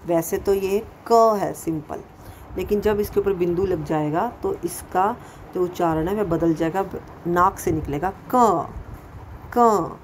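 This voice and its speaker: A woman's voice: fairly low pitch, unhurried, a little hiss or hum, low-quality recording. A woman teaching a Hindi lesson to young children, patiently repeating sounds and asking questions. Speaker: primary school Hindi teacher. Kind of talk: slow classroom lesson addressing children.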